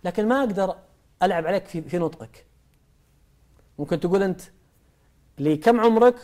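A man gives a religious talk in a fairly high voice. He moves at a brisk clip and keeps asking his listener questions. He builds his points from playful everyday examples. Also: a little mellow. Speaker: religious preacher.

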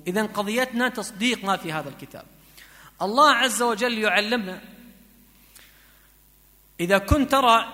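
A man preaching a sermon, chanting verses slowly and moving between soft pleading and emphatic exhortation. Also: high voice. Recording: long hall reverb.

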